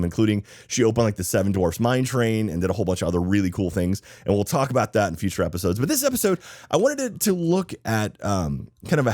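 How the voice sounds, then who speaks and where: A man's voice: on the low side, darkish tone, dry recording, studio quality. A man hosting a podcast in a casual, chatty, enthusiastic way, his voice slightly off because he is sick. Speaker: podcast host.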